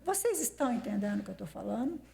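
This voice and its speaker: A woman's voice: mid-range voice, sing-song, rapid-fire, creaky, mellow. An older woman from Brazil speaking at a women's church conference, conversational and full of rhetorical questions to the audience. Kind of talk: church talk. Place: church hall.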